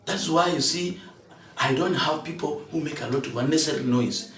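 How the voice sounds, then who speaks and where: A parliamentary candidate gives a spontaneous, animated address to a security committee, speaking a little fast. When he makes a point, his voice climbs higher and louder. He's recorded from far off in an echoey hall with faint ambience.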